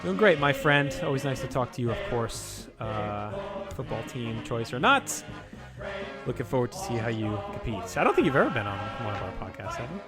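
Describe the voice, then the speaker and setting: A man's voice: mid-range voice, big pitch swings, a little fast, music in the background. A man hosting a game show podcast, mixing upbeat introductions with playful, teasing casual chat. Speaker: podcast host.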